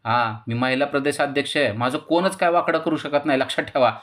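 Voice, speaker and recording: A man voicing a haughty sharp-tongued woman. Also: medium pitch, fairly even intonation, a little fast, voice pushed up, close to an everyday voice. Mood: defiant. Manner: mocking, defiant.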